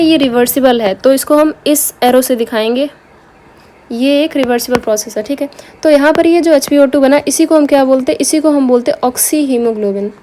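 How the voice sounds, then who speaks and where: Woman biology teacher, high voice, terms, rhetorical questions, faint background hiss. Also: a little mellow. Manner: asks rhetorical questions and answers them herself. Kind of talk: explanatory lecture.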